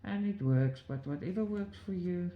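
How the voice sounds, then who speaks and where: With a lowish voice at a moderate pace, captured in dull audio, a South African woman hosts a cross-stitch channel from home. Casual chatter, frequent laughter, and rambling asides accompany her stitching. Faint background noise and a roomy echo are present.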